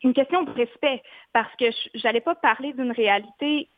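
Une femme avec un accent de la Haute-Côte-Nord, autrice invitée en entrevue radio, qui parle de façon réfléchie avec beaucoup d'hésitations. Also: female voice, sits high, moderate pace, no echo. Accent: Haute-Côte-Nord Quebec French. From Côte-Nord, Quebec. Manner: thoughtful, many fillers. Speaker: author guest. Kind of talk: radio interview. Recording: tinny phone-like line, dry.

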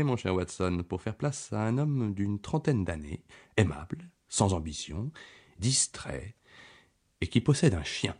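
A man voicing a sharp, self-assured detective in an audiobook, laying out deductions in a confident, lecturing way. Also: low-pitched.

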